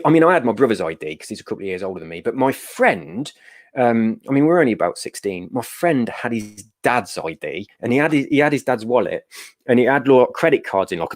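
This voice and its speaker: A middle-aged man hosts a giveaway livestream, chatting casually, answering viewer comments, and laughing his way through jokey stories. His voice is fairly low with a darkish tone.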